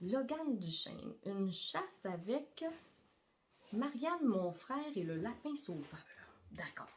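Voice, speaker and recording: A middle-aged woman with a Québécois accent improvising an Easter story with her daughter in a coaxing, animated way. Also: medium pitch, slow pace. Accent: Québécois French. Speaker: mother telling story.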